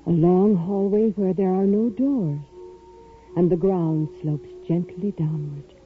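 Slow, mystical fortune teller. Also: female voice, fairly low pitch, fairly even intonation, soft background music. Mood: mystical, solemn. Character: mystical fortune teller woman in a staged trance. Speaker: actor playing a fortune teller. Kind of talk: 1940s radio acting. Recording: tinny vintage radio broadcast.

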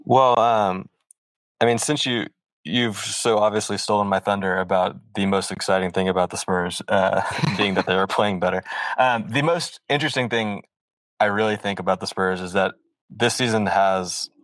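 A man co-hosting a casual sports podcast, thoughtful and measured, with many ums. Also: lowish voice, a bit bright, no room sound, poor audio. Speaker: podcast co-host.

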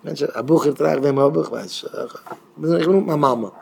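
Emphatic rabbi with a raised voice. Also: male voice, fairly high pitch, normal speed, vocal fry, background noise. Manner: emphatic, repeats phrases in rising bursts. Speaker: rabbi giving a talk.

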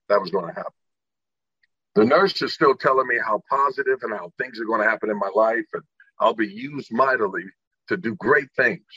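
A man's voice: medium pitch, bright, forceful tone, husky, dry recording, muffled recording. A middle-aged man from Indiana, a guest telling his life story earnestly and acting out the people in it. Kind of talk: personal storytelling in an interview.

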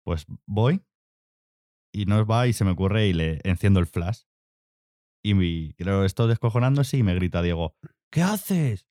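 A man's voice: low-pitched, moderate pace, long pauses, warm tone, dry recording, clean studio sound. A young man co-hosting a podcast, telling a rambling story full of fillers and swearing in casual chat. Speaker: podcast co-host.

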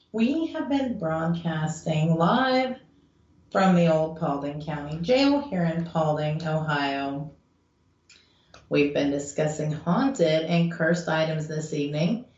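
Slow-talking woman hosting paranormal radio. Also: lowish voice, darkish tone. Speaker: radio show host. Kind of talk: late-evening paranormal talk radio hosting and storytelling. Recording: dull lo-fi, roomy echo.

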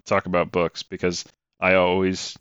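A man's voice: low voice, monotone, normal speed, a bit bright, smooth, no echo. A man co-hosting a podcast, chatting reflectively and letting his sentences trail off, on a slightly dull lo-fi mic. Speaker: podcast co-host. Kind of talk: casual chat.

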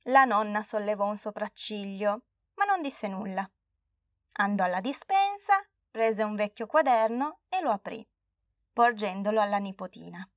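A woman's voice: medium pitch, expressive, moderate pace, no room sound. Woman reading a children's story. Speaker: narrator.

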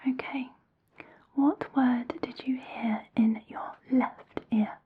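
Female ASMR whisperer, gentle, reassuring, fairly high pitch, very close mic. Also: steady tone, slightly rough, muffled recording. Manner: soft, slow, reassuring instructions. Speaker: ASMR roleplay hearing examiner.

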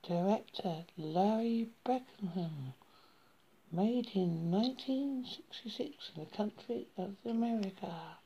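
A woman's voice: medium pitch, expressive, slow pace, warm tone, slightly rough, lo-fi sound. A woman playing a creepy, theatrical horror host who introduces old scary films in a spooky, menacing, whispery manner. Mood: playfully menacing.

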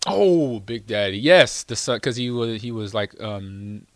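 A low-voiced man hosting a casual talk show, rambling through a story with plenty of fillers and easy laughter. The sound is dry and close, with no room in it. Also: animated, measured pace, dry recording. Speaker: show host, former football player. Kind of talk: casual chat.

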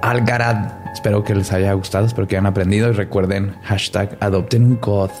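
A man's voice: fairly low pitch, fairly even intonation, brisk, over music. A young man co-hosting a podcast, joking in a mock-serious, playful way. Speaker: podcast co-host. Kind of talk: casual chat.

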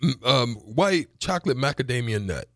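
A male radio co-host in casual, joking banter who gets excitable and hypes himself up. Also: medium pitch, moderate pace, no room sound, clean studio sound. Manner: excitable, joking, shouts out and laughs.

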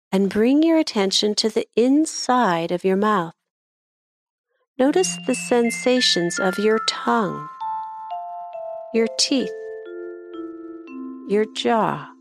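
A woman gently guiding children through a mindfulness exercise in soft, slow instructions. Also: medium pitch, lively intonation. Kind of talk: guided meditation. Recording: voice over clear music. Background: background music.

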